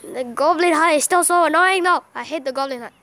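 A woman with a high voice gives live commentary over a mobile game she is playing. She reacts loudly to every move, cheering and groaning by turns. She talks in a casual, excitable way, as a channel host would with her viewers. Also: fairly quick. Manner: excitable, exclaiming and groaning at each play.

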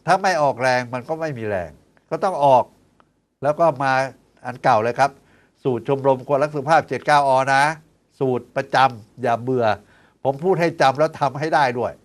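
A man's voice: medium pitch, normal speed. Man, 60s, doctor-host; folksy health talk with a chatty, questioning delivery. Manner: chatty, lively asides, teasing rhetorical questions; counts out exercise steps aloud. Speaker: doctor hosting a health show.

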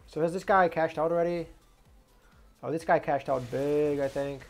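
Guy talking himself through a game, kinda gravelly, higher voice, some music under it. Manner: mutters plans to himself, quick bursts of surprise. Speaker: gaming streamer. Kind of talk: gameplay commentary, thinking aloud.

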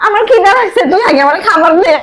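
A woman playing a shrill, childlike hungry madwoman. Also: expressive, fast talker, a bit bright. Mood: pleading. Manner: begging insistently.

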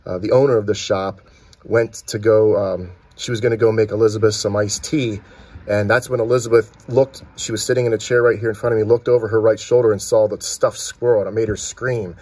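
A man walks a small town with his phone, casually pointing out filming locations outdoors and at shop windows, chatting and often starting over. He speaks fairly quickly in a steady, fairly low voice that is a little mellow with a breathy edge.

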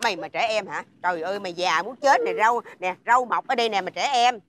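A woman's voice: mid-range voice, quick pace, over a noisy crowd, lightly acted. A woman in a comedy sketch playing an exasperated neighbor who scolds and sighs. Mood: mocking. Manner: scolding, exasperated, sighing "trời ơi".

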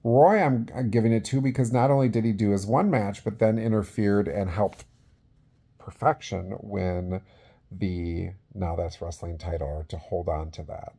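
A man in his forties speaking as a casual awards presenter, halting and conversational, into a phone held at arm's length in a small room. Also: fairly low pitch, creaky, mellow, breathy edge. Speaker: vlog host presenting awards. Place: small indoor room with plain wall.

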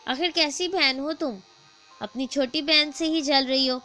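A woman's voice: a little high, a bit bright, faint music behind, natural voice. A woman voicing a harried mother of two young daughters in a storybook, talking emphatically in a raised voice. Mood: angry. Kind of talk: storybook dialogue.

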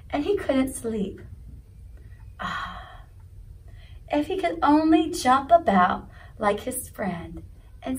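A woman's voice: on the high side, distant mic, poor audio. A woman leading a children's story time, reading a picture book aloud in a sing-song voice and asking the kids questions. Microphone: video recording.

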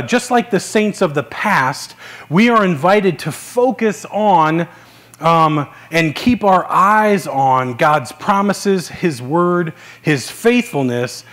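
A man giving a Sunday sermon as pastor, talking in a relaxed, conversational way with many "uh" fillers. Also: fairly high pitch. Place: church service, live-streamed.

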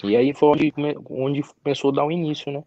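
Young man, football player guest, halting speech, repeats himself, dry slightly dull audio. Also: a little high, little pitch movement, warm tone, dry recording. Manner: halting, repeats words and restarts, frequent tag questions. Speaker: interview guest, professional footballer. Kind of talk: casual storytelling interview.

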